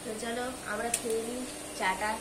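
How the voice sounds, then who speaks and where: A middle-aged woman chats in a rambling, hurried way in a casual home cooking vlog, filmed in her kitchen by her husband. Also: on the high side, steady tone. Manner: chatty and rambling, admits she talks hurriedly and mixes up words. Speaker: vlogger. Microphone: camera held by her husband at some distance. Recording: roomy, distant and noisy home recording.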